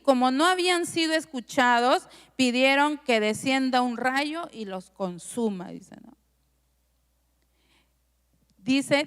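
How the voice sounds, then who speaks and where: A woman's voice: sits high, fairly bright tone, clean tone, long reverb tail. A middle-aged woman pastor preaching a conversational sermon, often asking the congregation short tag questions. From Peru. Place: church.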